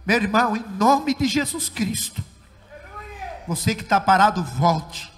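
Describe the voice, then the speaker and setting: A middle-aged man, a pastor, giving an emotional testimony sermon in church that swells into shouted preaching. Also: high voice, lively intonation, a little slow. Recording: church hall reverb with faint music.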